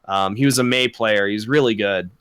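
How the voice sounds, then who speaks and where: A man's voice: fairly low pitch, fairly quick, fairly bright tone, smooth, dry recording. A young man co-hosting a podcast, chatting casually, rambling, swearing a lot and laughing often. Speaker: podcast co-host. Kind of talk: casual chat.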